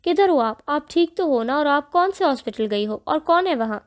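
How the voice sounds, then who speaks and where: A woman's voice: sits high, darkish tone, dry recording, studio quality, close to an everyday voice. A woman reading an anxious, chattering young woman. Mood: worried. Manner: rapid, worried.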